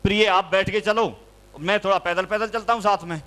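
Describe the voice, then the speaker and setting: This is a calm divine husband who counsels his wife gently, quoted by a man as he tells a story. His voice sits very high and sounds bright and forceful. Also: brisk. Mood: advising.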